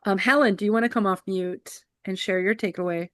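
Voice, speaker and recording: A woman's voice: mid-range voice, fairly even intonation, a little fast, no room sound, studio quality. Upbeat encouraging woman moderator. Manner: upbeat, encouraging, laughs easily. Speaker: co-host and moderator. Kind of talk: casual group facilitation.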